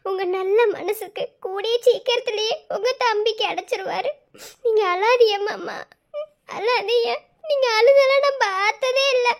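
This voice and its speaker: A woman voicing a gentle young woman in a cartoon, comforting someone in a soothing, tearful way. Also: very high voice, unhurried. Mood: tender, tearful. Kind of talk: cartoon voice acting.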